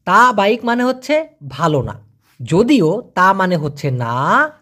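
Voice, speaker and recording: Lively Bangladeshi language tutor. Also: mid-range voice. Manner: patient, repeats phrases slowly to drill pronunciation; encouraging asides to learners. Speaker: language teacher. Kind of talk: online language lesson.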